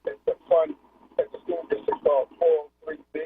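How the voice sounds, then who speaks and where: A man calling in to a radio show on a bad phone connection that breaks up as he moves, speaking haltingly and restarting his sentences. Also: a little high, flat delivery, husky, dry recording. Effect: bad phone connection, voice breaking up while he moves. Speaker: radio call-in caller. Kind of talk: phone-in talk. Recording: dry, tinny phone line.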